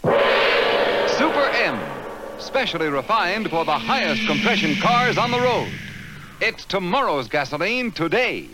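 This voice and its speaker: A man announcing a vintage radio commercial in a bright salesman's delivery, heard as an old recording. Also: high voice, very animated, measured pace, very noisy.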